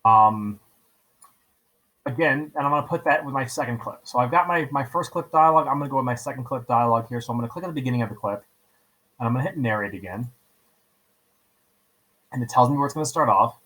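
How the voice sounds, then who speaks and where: Speaking fast with frequent pauses, this man has a mid-range, slightly bright voice. He's a teacher walking through software in an informal screencast, going step by step, repeating points and often asking "right?"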